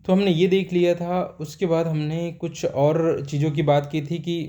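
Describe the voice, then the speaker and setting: Mellow-voiced male teacher. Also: on the high side, flat delivery, moderate pace, a little hiss or hum. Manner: repetitive, asks and answers himself. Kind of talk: recap of a grammar lesson.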